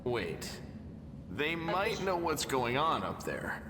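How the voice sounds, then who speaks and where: Casting: worried male game hunter, highish lively voice, earnest, in noisy reverberant space. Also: slow. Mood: wary, urgent. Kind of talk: video game dialogue.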